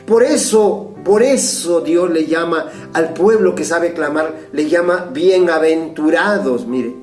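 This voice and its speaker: A man's voice: a little high, takes it slowly, a little mellow, reverberant, faint music behind. A man with a Mexican Spanish accent preaching a fervent, urgent sermon as pastor.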